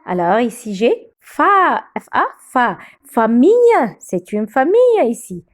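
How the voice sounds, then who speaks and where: A woman teaching beginner French pronunciation, saying each word slowly and repeating it several times. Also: fairly high pitch, sing-song.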